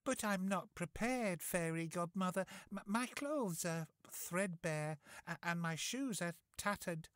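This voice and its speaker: A man voicing a gentle, kind young woman, speaking softly and hesitantly. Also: high voice, unhurried, hardly any pauses, dry recording, clean studio sound, pitched above the performer's own voice. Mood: worried. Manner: soft, hesitant, polite.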